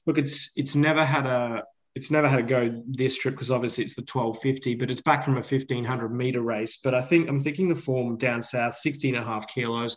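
A man's voice: mid-range voice, low-quality recording. A man with an Australian accent giving casual, unscripted horse racing tips in a hesitant, slangy, laid-back way. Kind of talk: casual unscripted tipping commentary.

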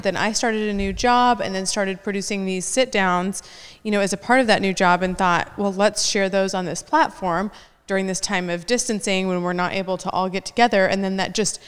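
Female podcast co-host, crisp mid-range voice, exclamatory and conversational, recorded in a cavernous room. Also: mid-range voice. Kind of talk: casual chat. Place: cavernous living room at home. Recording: echoey large living room.

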